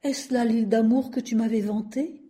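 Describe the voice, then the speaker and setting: A woman's voice: a little high, steady tone, normal speed, pitched above the performer's own voice, close to an everyday voice. A woman voicing a small lost seed, timid and pleading, in a storybook reading. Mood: plaintive. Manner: soft, pleading.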